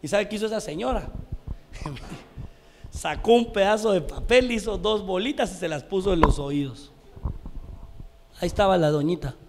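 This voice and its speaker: High gravelly preacher man, reverberant hall. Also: fairly quick, a little hiss or hum. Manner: preachy, addresses listeners as brothers. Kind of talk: TV sermon with anecdotes.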